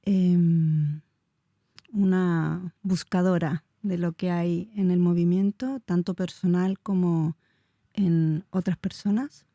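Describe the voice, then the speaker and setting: A Chilean woman in her forties, a dance teacher and movement researcher, answers interview questions hesitantly, searching for words and using many fillers. Her lowish voice is slow and warm with fairly even intonation, captured in a dry, studio-quality recording.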